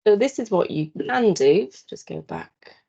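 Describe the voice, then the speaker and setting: A woman's voice: medium pitch, expressive, measured pace, creaky, warm tone, slightly rough, muffled recording. A woman presenting an awareness talk to students over a video call, patient and explanatory, putting questions to her listeners.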